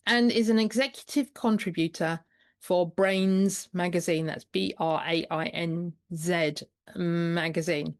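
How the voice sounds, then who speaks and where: A woman's voice: medium pitch, dry recording. A woman hosting a podcast interview, introducing and questioning her guest and often rephrasing as she goes. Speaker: podcast host.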